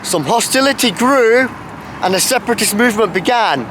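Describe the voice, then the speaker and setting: A man's voice: sits high, lively intonation, normal speed, noisy background. A man filming a travel vlog outdoors on a city street in winter, shivering from the cold as he explains what he sees. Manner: chatty, informative, self-filming. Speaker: travel vlogger.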